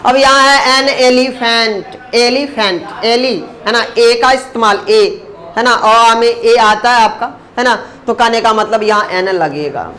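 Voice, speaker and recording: A man with a very high-pitched, pushed, bright voice teaches a grammar lesson. He explains slowly, sounds words out syllable by syllable, and keeps asking his students questions that he answers himself.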